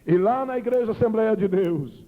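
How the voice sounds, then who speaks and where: Man, pastor's testimony, very high voice, emotional delivery, dull lo-fi recording. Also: moderate pace. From Brazil. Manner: emotional, addresses the congregation as brothers, swinging between hushed and loud. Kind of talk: fervent testimony preaching. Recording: dull lo-fi sound.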